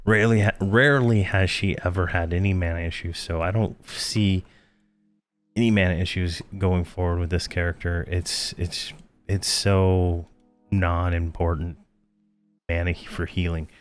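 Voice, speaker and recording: A man's voice: sits low, fairly even intonation, normal speed. A man giving casual gameplay commentary, thinking aloud with many fillers, tired and yawning. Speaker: game guide creator.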